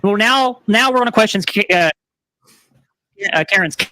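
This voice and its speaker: A woman's voice: mid-range voice, animated, normal speed, bright, forceful tone, slight background noise. A woman on a live online panel, arguing her point with sarcasm. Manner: argumentative, sarcastic.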